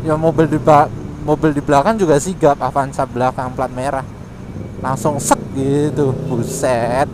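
A man's voice: mid-range voice, fairly even intonation, normal speed. Guy with a lilt chatting on his helmet mic while riding, lots of wind and traffic noise. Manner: chatty, exclaims often, laughs between remarks. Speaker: motovlogger. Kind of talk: casual motovlog commentary while riding. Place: riding a scooter in city traffic. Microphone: helmet intercom mic.

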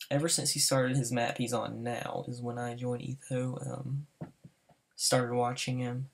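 A fifteen-year-old boy with a Southern US accent provides casual voice-over commentary on his gameplay as part of applying to a server. His voice is medium-pitched and creaky, and he sounds nervous, hesitating often.

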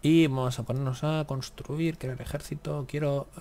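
A male gaming YouTuber with a slightly mellow, mid-range voice and fairly even intonation speaks at a moderate pace while playing a strategy game. His casual commentary is muttered to himself, full of grumbling and curses aimed at the game.

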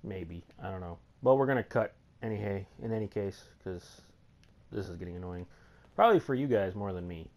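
A man's voice: low voice, animated, brisk, darkish tone. A young man commenting casually on his gameplay, rambling, muttering to himself and swearing often. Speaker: let's play gamer.

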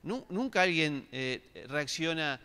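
A man's voice: a little high, expressive, slow pace, sharp tone, smooth. A middle-aged man, giving a sermon and asking the congregation questions, with many restarts. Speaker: pastor. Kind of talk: interactive sermon. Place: church hall. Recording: long reverb of a church hall.

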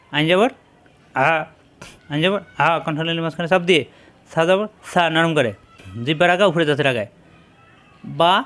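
Man, slightly high voice, Bangladeshi Bengali accent, patient Quran reading teacher, repeats sounds. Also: fairly bright tone. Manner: repeats each sound several times, explains pronunciation patiently. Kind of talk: slow drilled letter-by-letter recitation lesson.

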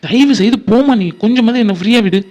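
A man's voice: very high-pitched, quick pace, darkish tone. A man voicing a hurt young son who bitterly complains that his mother never believes him, in a homemade cartoon. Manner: bitter and exasperated.

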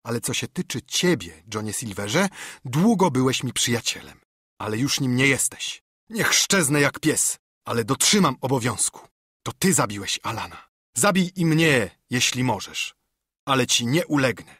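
A man voicing an honest, stubborn sailor with a raspy, trembling voice who speaks earnestly and indignantly. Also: medium pitch, big pitch swings, normal speed, fairly bright tone, dry recording, studio quality. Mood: defiant.

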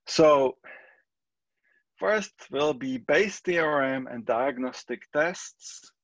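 A man's voice: medium pitch, very slow, vocal fry, no room sound. Czech accent guy, middle aged, chatty online lecture, dry slightly muffled mic. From Czech Republic. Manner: relaxed, conversational, with restarts. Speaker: statistics professor.

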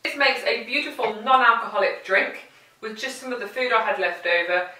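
A chatty, playful woman walks through a home-cooking demo, her voice bright and a little tense. It sits slightly high for a woman. The sound is roomy, as if the mic were some way off in the kitchen. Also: a little fast, far from the mic, a little hiss or hum. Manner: chatty, playful, talks to the food. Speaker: cooking presenter. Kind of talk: cooking demonstration.

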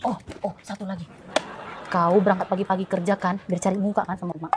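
A woman's voice: mid-range voice, level tone, quick pace, noisy background, close to an everyday voice. A woman playing a jealous, nagging young wife with a Medan accent, firing accusing questions at her husband in a comedy sketch. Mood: indignant. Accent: Medan Indonesian.

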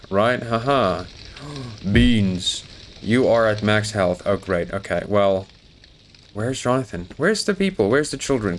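With slight background noise, a lowish male voice provides horror game let's play commentary. The gaming YouTuber jokes nervously and chats with his dog in the game as he plays.

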